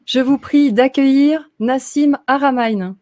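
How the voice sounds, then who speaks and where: Higher-voiced woman hosting an interview. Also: slow pace, darkish tone. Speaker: host. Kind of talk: conversational live interview hosting.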